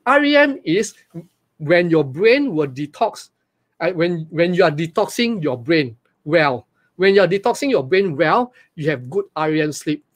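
A man in his forties with a Malaysian English accent, giving a live webinar from a small room over a webcam and talking in an energetic, repetitive way with lots of questions to the audience. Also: on the high side, measured pace. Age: 40s. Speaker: online business coach. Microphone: webcam on a video call.

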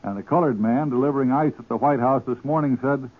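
Man, radio correspondent, old 1940s radio broadcast, tinny narrow sound, formal steady reporting. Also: mid-range voice, fast. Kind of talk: wartime radio news report.

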